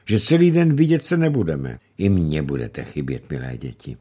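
Guy doing a curious little girl, soft questions, husky low voice. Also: wildly swooping pitch, full character voice. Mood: earnest. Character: curious young girl, sweet and earnest.

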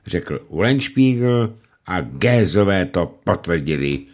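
Animated low-voiced male audiobook narrator.

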